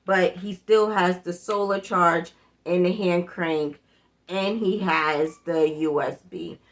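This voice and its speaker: A middle-aged woman with a fairly low, fairly bright voice hosts a prepper vlog, chatting casually through a product demonstration. She repeats her points for emphasis.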